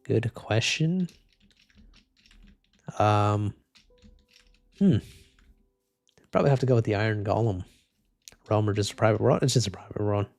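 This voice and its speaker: Speaking a little slowly with long pauses, a young streamer reads chat while gaming, his voice gravelly and slightly congested. His manner is flat and low-energy, which he calls boring. There is no echo, just faint game music and keyboard typing.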